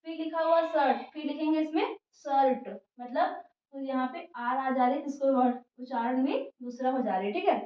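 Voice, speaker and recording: Female teacher, high voice, patient and repetitive delivery, recorded from a distance in a dull, echoey room. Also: moderate pace, few pauses. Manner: repetitive, many fillers, explains word by word. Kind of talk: casual spoken lesson. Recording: dull, roomy, distant from mic.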